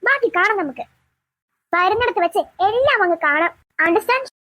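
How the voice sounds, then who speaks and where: A woman voicing a bossy, quick-tempered big sister in a cartoon, scolding and sarcastic. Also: extremely high pitch, expressive, sharp tone, no room sound, clean studio sound, exaggerated voice. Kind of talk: cartoon voice acting.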